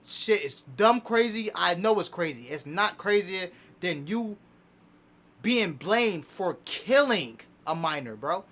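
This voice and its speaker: A male streamer giving excitable reaction commentary, repeating himself emphatically, his voice going hoarse from shouting. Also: high voice, takes it slowly.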